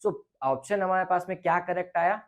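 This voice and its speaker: A man works through a physics question as a teacher, thinking aloud. His delivery is casual and unhurried, and he pauses often to check that his students are following. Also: high voice. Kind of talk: explaining a lecture on light.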